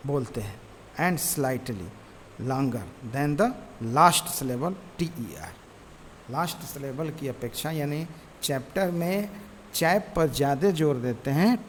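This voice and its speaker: A man teaching a lesson at a very slow, deliberate pace, in a slightly high voice. He reads English lines word by word, then explains them. The room gives a long reverb, with faint noise behind. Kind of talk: teaching lesson, reading English text aloud and explaining in Hindi.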